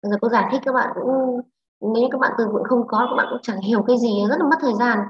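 A woman English teacher with a Vietnamese accent, leading a class online, brisk and prodding students with questions. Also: fairly high pitch. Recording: echoey, lo-fi online class audio.

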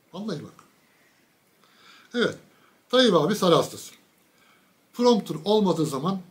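Guy ranting sarcastic at his viewers, kinda high voice, mocking, piles up words for emphasis. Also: a bit bright. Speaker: political commentator. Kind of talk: casual political commentary monologue.

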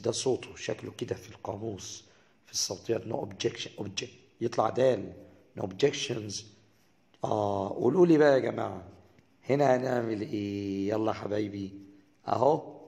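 Young Egyptian male teacher, patient and repetitive, gravelly tone, long reverb behind. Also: medium pitch, a little mellow. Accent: Egyptian Arabic. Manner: explains slowly, repeats English words to drill pronunciation. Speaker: English teacher. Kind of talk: recorded English lesson.

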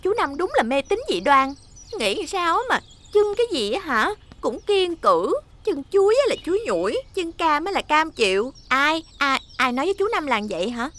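A woman's voice: sits high, normal speed. An actress playing a cheeky young woman, teasing and arguing with an old uncle in a TV sitcom. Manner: teasing, argumentative, lively. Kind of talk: TV sitcom acting.

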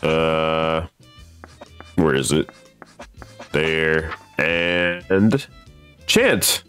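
A young man with a deep voice plays through a horror game, reading the on-screen steps aloud in an offhand way. He swears freely and laughs nervously, with faint music in the background. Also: animated, a little slow. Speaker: gamer streaming a horror game. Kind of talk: casual let's play commentary.

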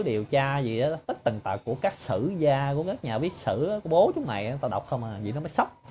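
A man's voice: mid-range voice, dark tone, slight background noise. A man giving a sarcastic, mocking monologue to his viewers. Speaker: political commentator.

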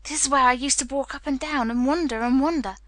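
Woman doing a hushed, solemn little girl. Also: high voice, fast, no echo, voice pushed up. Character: solemn, delighted young girl guide.

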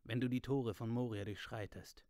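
A man's voice: mid-range voice, fairly even intonation, normal speed, mellow, dry recording, clean studio sound, close to an everyday voice. A man reading aloud voices an earnest, weary male ranger, speaking soberly and earnestly. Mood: sombre.

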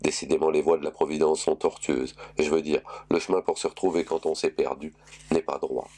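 Deep-voiced man reading a novel. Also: steady tone, fairly quick, warm tone. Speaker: reader.

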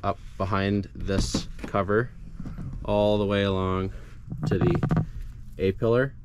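Speaking slowly in a steady, lowish voice, this young man runs a DIY car channel and explains each step informally while he works. The setting is a parked car outdoors, where he moves in and around it, and the recording picks up clear background noise and vehicle sounds.

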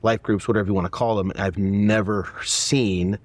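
A pastor in his forties hosts an interview podcast in a dark indoor church auditorium, keeping it casual and conversational. His lowish voice has fairly even intonation at a moderate pace, with no room sound. He speaks earnestly, stumbles through restarts, and offers warm affirmations.

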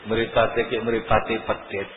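An older man giving a lively sermon as an Islamic preacher, chuckling often. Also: lowish voice, a little hiss or hum. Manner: animated, chuckling often, slow deliberate delivery. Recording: echoey lo-fi phone-like hall recording.

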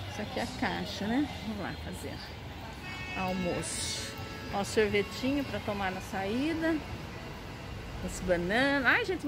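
Chatty high-voiced woman vlogging. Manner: chatty, enthusiastic, addresses viewers directly. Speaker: travel and food vlogger. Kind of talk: casual vlog walkthrough. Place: large indoor restaurant. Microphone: handheld phone camera.

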